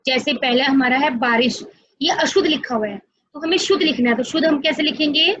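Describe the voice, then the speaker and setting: A woman's voice: sits high, brisk, a bit bright, no room sound, dull audio. A woman teaching an online class to young children, explaining patiently step by step and often addressing them directly. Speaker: school teacher.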